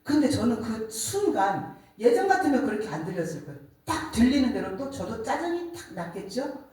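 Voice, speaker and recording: A middle-aged woman giving a church testimony, telling a family story in an animated way. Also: fairly high pitch, fairly quick. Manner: animated storytelling, acts out quoted voices. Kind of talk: sermon testimony. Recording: echoey room, distant mic.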